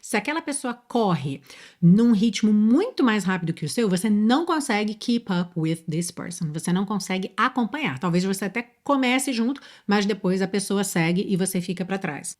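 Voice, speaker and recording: A woman with a Brazilian Portuguese accent, an English teacher explaining song lyrics step by step and reading the English lines slowly and clearly. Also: medium pitch.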